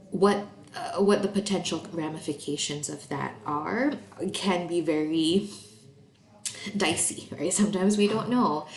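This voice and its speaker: A woman's voice: fairly low pitch, a little mellow. A woman from Malaysia, a therapist presenting an online training course in a casual, chatty way, with many fillers and frequent laughs. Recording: roomy echo, faint noise.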